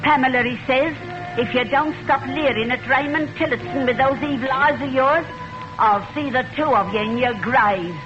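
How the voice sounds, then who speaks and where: An actress playing a chatty, folksy working-class servant testifying, in 1940s radio acting style. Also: female voice, high voice, normal speed, close to an everyday voice. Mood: gossipy. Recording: dull old radio recording with music.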